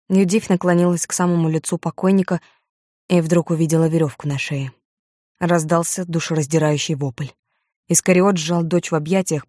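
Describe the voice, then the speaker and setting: A woman reading an audiobook in a measured, dramatic way. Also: low-pitched, mellow, no echo, clean studio sound. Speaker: audiobook narrator. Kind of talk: scripted narration.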